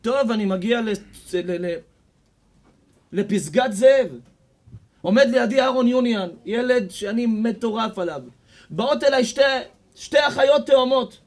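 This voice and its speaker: An Israeli rabbi delivers a sermon, retelling encounters with his listeners. His voice sits very high for a man, and he builds from quiet storytelling to fervent, almost shouted declarations. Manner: impassioned storytelling, rising to near shouts. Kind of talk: sermon with retold stories.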